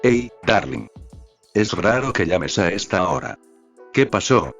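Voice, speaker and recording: A man voicing a cheerful, affectionate husband who talks with lively enthusiasm. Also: on the low side, takes it slowly, full character voice. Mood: bubbly. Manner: bubbly, enthusiastic. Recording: slightly dull audio with faint background music.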